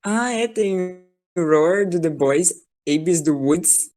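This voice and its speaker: Woman, slightly low, enthusiastic chatterbox, video-call audio. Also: lively intonation, slow, warm tone. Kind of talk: casual chat in an online class.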